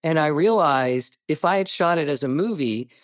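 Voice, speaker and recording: A man, a writer-director being interviewed, telling stories in an animated way with quick asides and restarts. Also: on the high side, no room sound, clean studio sound. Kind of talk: casual interview talk.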